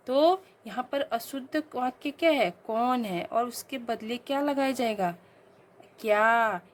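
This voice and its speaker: A woman teaching a grammar lesson, reading each example sentence slowly and deliberately, then asking questions and answering them herself. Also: a little high, slight background noise. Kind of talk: exam-prep grammar lesson.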